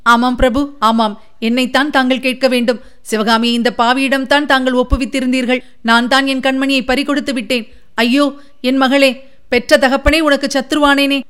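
A woman's voice: sits high, fairly even intonation, moderate pace, a bit bright, smooth, pitched above the performer's own voice. A woman voicing an elderly male sculptor, a father driven frantic by grief, wailing and pleading. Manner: frantic, wailing, sobbing pleas.

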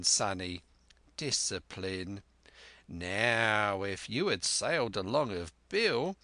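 A man's voice: medium pitch, bright, forceful tone, no echo, exaggerated voice. A man voicing a sly, menacing male pirate who is half fawning, half sneering, talking in an old sailor's dialect.

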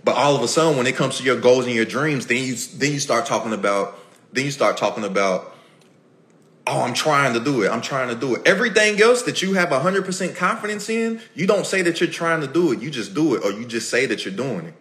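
A man's voice: mid-range voice, expressive, fast talker, a bit bright. A man hosts a motivational podcast, talking in a medium register. He preaches his points emphatically, repeats himself and acts out little everyday exchanges. The room gives his voice a noticeable echo. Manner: preachy, repetitive, emphatic, acting out everyday dialogue. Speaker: podcast host. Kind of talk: motivational talk to a live audience.

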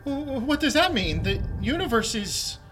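A woman's voice: high-pitched, big pitch swings, measured pace, over music. An actress playing an anxious young woman who stammers and frets. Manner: nervous, stammering.

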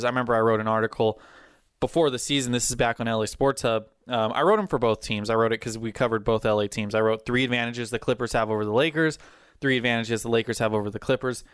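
Sports podcast host, man, mid-pitched and clean-toned, talks fast and keen like a hyped-up fan. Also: smooth, no room sound, studio quality. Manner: energetic, rambling, fan enthusiasm. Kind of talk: casual sports chat.

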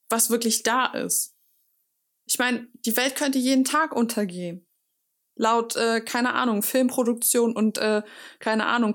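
Chatty woman with a fairly high voice. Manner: talks freely with fillers, acts out quoted dialogue. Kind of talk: casual monologue.

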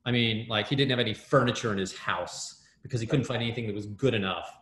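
A man, a guest in an interview, telling a story in an animated way with many fillers and restarts over a video call. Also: medium pitch, fast talker, slight background noise. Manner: excitable, lots of fillers and restarts. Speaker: guest, startup hardware builder. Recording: roomy echo.

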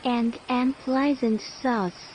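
A woman leads a guided relaxation in a soft, soothing spa manner. Her high voice is mellow and very slow. Ambient noise sits behind her. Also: fairly even intonation. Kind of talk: guided meditation narration. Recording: noisy ambient background sound.

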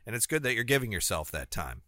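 A man with a deep, scratchy, smoker's rasp, chatting casually as a co-host. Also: very animated, quick pace, bright, forceful tone, no echo. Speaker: podcast co-host, maker. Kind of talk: casual chat.

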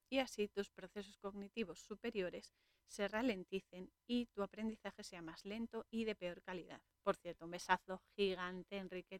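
A woman with a Spain Spanish accent hosts a casual podcast and walks listeners through a film scene by scene. She is chatty and laughs often as she tells it. Her voice sits at an ordinary middle pitch, and the sound is dry and close with no room echo. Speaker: podcast host.

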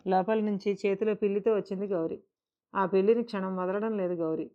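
A woman narrating a scripted story in a measured, emotive way. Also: mid-range voice, fairly even intonation, dark tone. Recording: dull lo-fi recording.

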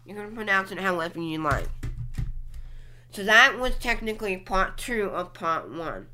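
A woman's voice: medium pitch, animated, moderate pace, pushed and bright, a little hiss or hum. A young woman hosting her own podcast, musing aloud while clicking through her social media accounts. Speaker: podcast host reviewing her channel stats. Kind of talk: casual solo commentary.

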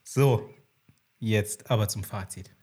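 Verspielter Podcast-Gastgeber mit behauchter Stimme. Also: male voice, lowish voice, takes it slowly, darkish tone, slightly rough. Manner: playful, laughs often, tries out puns. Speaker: podcast host. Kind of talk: casual podcast chat.

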